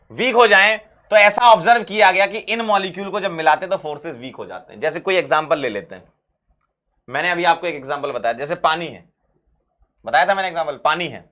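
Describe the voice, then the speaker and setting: This exam-focused chemistry lesson is led by a man whose voice is forceful, bright, and slightly high. He keeps it lively, says key phrases again and again, and asks questions only to answer them himself.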